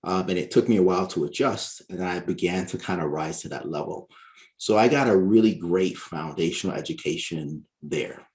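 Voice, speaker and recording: A man from Barbados, a guest author on a podcast interview, explaining his points in a measured way and often checking in with "right?". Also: low-pitched, a little mellow.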